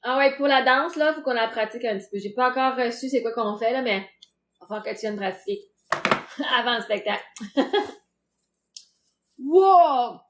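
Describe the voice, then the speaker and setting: Chatty high-voiced woman with Québécois accent. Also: lively intonation, normal speed, long pauses, roomy sound. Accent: Québécois French. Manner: chatty and playful, laughs often. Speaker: livestream host chatting with viewers. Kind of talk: casual live chat.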